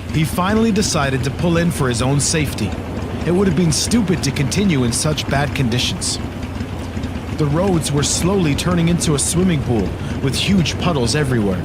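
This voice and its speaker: Over loud storm and engine sound effects, a man with a slightly high voice narrates a scripted horror audio drama. The background noise is heavy.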